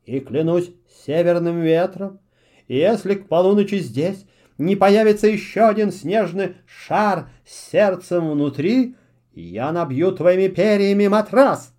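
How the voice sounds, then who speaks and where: A man's voice: sits high, expressive, a little slow, warm tone. A man voicing an imperious ice witch queen in a children's fairy-tale audiobook, cold and commanding. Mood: icy commanding. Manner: icy, commanding and scornful.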